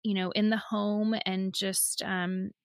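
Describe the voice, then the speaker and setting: A woman's voice: mid-range voice, flat delivery, slow, no echo, studio quality. A woman hosting a parenting podcast, talking in a casual, hesitant way with many fillers and restarts. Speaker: podcast host. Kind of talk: casual interview chat.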